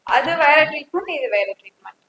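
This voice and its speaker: A woman's voice: high voice, lively intonation, fast, fairly bright tone. A woman working as a salon beautician, answering a difficult customer politely and patiently. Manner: polite, patient, addresses him as sir. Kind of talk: polite service talk.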